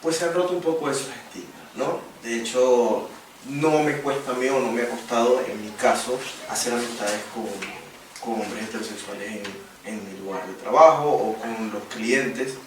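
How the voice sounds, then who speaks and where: A man speaking as a guest on a round-table panel, telling about his work as an athlete in a lively, animated way. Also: mid-range voice, normal speed. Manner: lively, animated storytelling with laughter. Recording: echoey room, distant mic, noisy.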